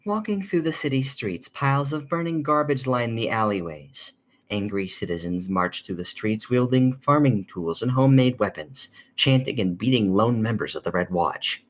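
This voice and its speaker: A man narrating a second-person audio fanfic in a calm, measured reading. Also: fairly low pitch.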